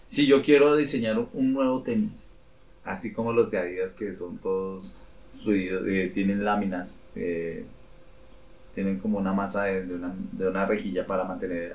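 Male host, low-ish voice, excitable and jokey, echoey room with faint noise. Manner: joking, excitable, asks rambling questions. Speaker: podcast host. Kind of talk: casual chat.

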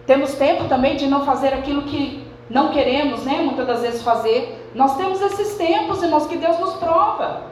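High-voiced woman pastor preaching. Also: normal speed, few pauses, slight background noise. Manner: conversational preaching, addressing the congregation often. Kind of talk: sermon. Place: church hall. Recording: echoey church hall, faint ambience.

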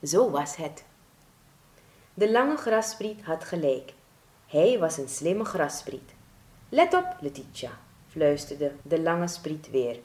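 A woman reading a children's story aloud in a gentle, measured way. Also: low voice, lively intonation. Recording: roomy echo.

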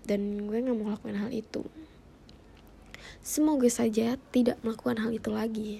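A woman in her twenties with a blocked-nose voice, talking casually and reflectively in informal slang with hesitant pauses. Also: on the high side, steady tone, gravelly, dark tone, slight background noise. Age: 20s. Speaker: personal podcaster.

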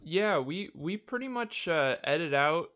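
A man's voice: fairly high pitch, animated, unhurried, fairly bright tone. A man co-hosting a podcast, chatting in an easygoing way with lots of fillers. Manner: easygoing, filler-heavy, agreeable. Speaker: podcast co-host. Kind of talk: casual chat.

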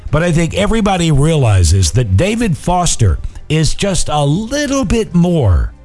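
Man, podcast co-host, casual chat, teasing, playful, animated pitch, faint music behind. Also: measured pace. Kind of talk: casual chat and quiz hosting.

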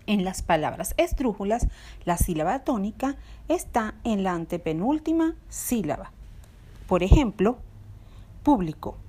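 A woman teacher reads a podcast lesson with a soft, breathy tone. Her pitch rises and falls a lot as she leans on each example word. The delivery is clear and deliberate. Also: sing-song. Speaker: Spanish language teacher.

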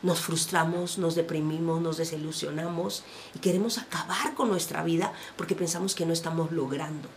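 A woman hosting a faith-based podcast, talking in a passionate, preacher-like way and swinging between soft and loud passages. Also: low-pitched, steady tone, moderate pace, slight background noise. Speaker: podcast host.

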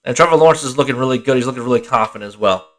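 A young man hosts a casual podcast on his own, worn out and yawning between thoughts. He rambles, restarts his sentences and swears freely, in a voice of ordinary middle pitch. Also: very fast. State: tired, yawning. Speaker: podcast host. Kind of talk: casual solo sports podcast.

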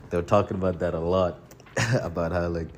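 A man's voice: sits low, moderate pace, a little hiss or hum. A man from Tanzania co-hosting a casual podcast over a phone, rambling, restarting his sentences and chuckling between thoughts. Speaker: podcast co-host.

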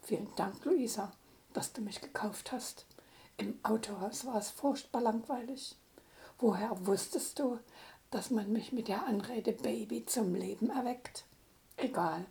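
A woman's voice: a little high, measured pace, vocal fry, dark tone. An older woman voicing a chatty, grateful talking car that runs on artificial intelligence, in a read-aloud story.

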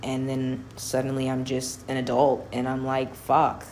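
Young woman w/ a low voice just rambling on her podcast, lots of likes and ums, swears a bit, faint hiss behind. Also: completely flat delivery, mellow. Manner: rambling, filler-heavy, cusses freely, quick laughs. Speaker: podcast host. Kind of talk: casual solo podcast chat.

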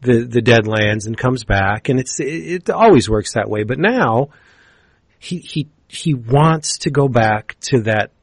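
A man co-hosting a comics podcast, retelling a story in a casual, animated way and acting out the characters' lines. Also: medium pitch, slightly rough, dry recording. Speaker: podcast co-host reviewing comics.

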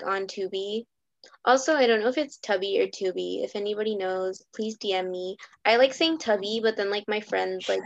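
A woman's voice: mid-range voice, creaky, dry recording. A young woman co-hosting a podcast in casual chat, rambling with many fillers. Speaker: podcast co-host. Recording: dull lo-fi sound.

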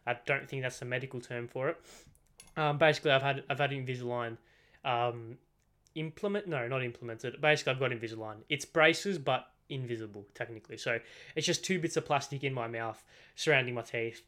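Teenage lad with a slight lisp. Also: male voice, mid-range voice, fairly quick, bright, forceful tone. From Australia. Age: teens. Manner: rambling, self-correcting, chatty. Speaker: podcast host. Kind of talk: casual solo football podcast. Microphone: desk microphone.

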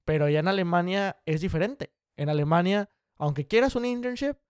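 A young man giving casual career advice straight to the viewer, direct, brisk and encouraging. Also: sits high, smooth, no room sound, clean studio sound. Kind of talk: casual explanatory talk to viewers.

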